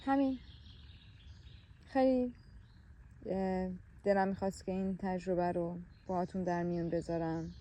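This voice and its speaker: A woman talking to camera outdoors in a forest about a personal experience, in a gentle, soothing way with many hesitant pauses and filler sounds. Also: lowish voice, monotone. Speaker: vlogger sharing a personal experience. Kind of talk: reflective personal talk to camera.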